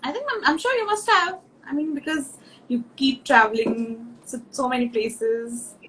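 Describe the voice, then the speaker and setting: A woman's voice: high voice, normal speed, fairly bright tone, rough recording. A woman hosting a live stream, leading her guest through a party game in a playful way. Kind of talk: casual live-stream chat.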